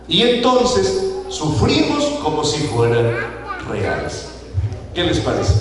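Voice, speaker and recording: A pastor with a Mexican Spanish accent preaches to his congregation in a church sanctuary, his voice on the high side. He asks them questions and acts out the voices of people he quotes. The recording is echoey, with his voice coming from far off in the hall.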